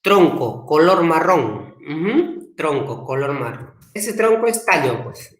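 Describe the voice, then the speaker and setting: A man teaching an online language class, repeating his questions slowly and coaxing students to answer in the chat. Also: on the high side, very animated. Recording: echoey room.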